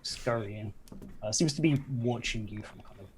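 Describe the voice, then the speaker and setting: A young man improvises narration as game master of a tabletop game, explaining things casually over a video call from an indoor room at home. His voice is on the low side and a little mellow, moving at normal speed, with slight background noise.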